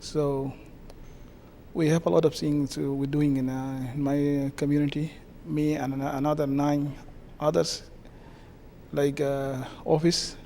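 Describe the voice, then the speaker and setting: A man with a South Sudanese accent answers interview questions in a halting way, pausing often. His voice sits fairly high and stays flat, with a gravelly, mellow edge. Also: a little hiss or hum. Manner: halting, many hesitations. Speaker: guest, community association president.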